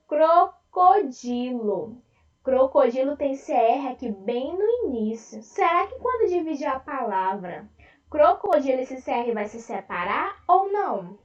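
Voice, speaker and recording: Lively, high-pitched Brazilian teacher woman. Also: highs cut off. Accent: Brazilian Portuguese. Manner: slow, syllable-by-syllable teacher talk with questions to children. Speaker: primary school teacher. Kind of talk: online lesson with slides.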